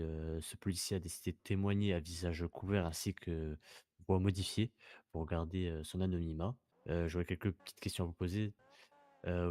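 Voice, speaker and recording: A man hosting a role-play news interview, asking polite questions in a hesitant, halting way. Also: deep voice, mellow, dry recording. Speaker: interviewer, host.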